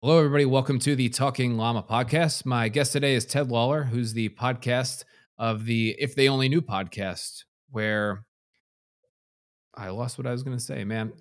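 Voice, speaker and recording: A man's voice: mid-range voice, steady tone, moderate pace. An American man hosting a podcast, laid-back and casual, often saying "man" and "awesome". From United States. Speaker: podcast host. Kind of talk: casual interview chat.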